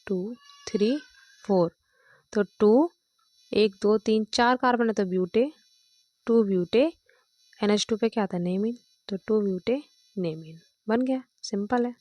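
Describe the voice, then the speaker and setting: A woman's voice: mid-range voice, a little slow, pauses often, no echo. A woman chemistry teacher explaining step by step, counting aloud and checking in often with her students. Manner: counts out loud, checks with "thik hai" and "dekho".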